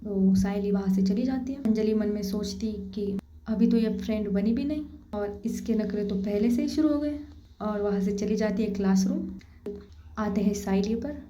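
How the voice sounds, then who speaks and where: A woman's voice: medium pitch, moderate pace, warm tone, roomy sound. A woman narrating a story in a casual spoken style, voicing the characters' lines herself. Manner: voices the characters' dialogue herself.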